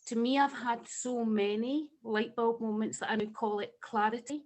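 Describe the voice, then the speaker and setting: A woman's voice: on the high side, steady tone, moderate pace, a little mellow, poor audio. Effusive Scottish woman on a video call. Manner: effusive, emotional, passionate. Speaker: webinar participant.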